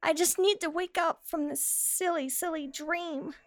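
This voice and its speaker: A man's voice: very high voice, fairly even intonation, a little slow, a bit bright, no room sound, voice pushed up, heavily acted. A man reading a storybook voices a stubborn, pouty young girl lost in a forest. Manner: petulant, whiny.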